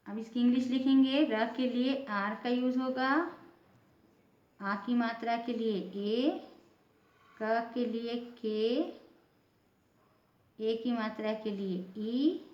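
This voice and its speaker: A woman's voice: fairly high pitch, fairly even intonation, slow, pauses often, a little mellow, roomy sound, highs cut off. A woman teacher giving a patient lesson, spelling words out letter by letter.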